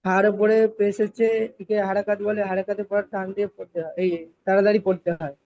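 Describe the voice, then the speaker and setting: A male student on an online class, reciting reading rules in a quick, even drone. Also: sits high. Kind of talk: reciting a lesson aloud. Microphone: video call. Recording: dull dry online call audio.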